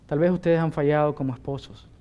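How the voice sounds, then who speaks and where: Male pastor with a high-pitched voice, preaching an emphatic sermon. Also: steady tone, fast talker, clear, resonant tone, highs cut off. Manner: emphatic, asks listeners rhetorical questions.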